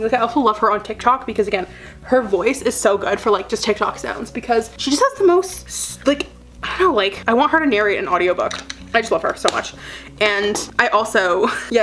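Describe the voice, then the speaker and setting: A beauty vlogger in her twenties chats in a rambling way while doing her makeup, her sentences packed with filler words. Her voice is mid-range.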